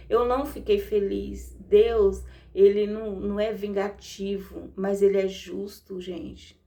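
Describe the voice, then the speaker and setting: Fervent gravelly Brazilian woman preaching. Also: medium pitch, darkish tone. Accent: Brazilian Portuguese. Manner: fervent, repetitive, addresses listeners as "gente". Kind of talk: devotional exhortation.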